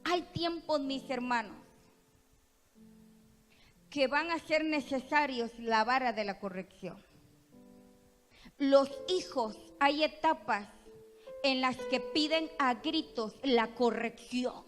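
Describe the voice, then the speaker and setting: Costa Rican woman preaching, very high, impassioned, church hall reverb, soft music behind. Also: slow pace, pauses often. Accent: Costa Rican Spanish. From Costa Rica. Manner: impassioned preaching that swells into loud emphatic peaks. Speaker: pastor preaching as prophet. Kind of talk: sermon.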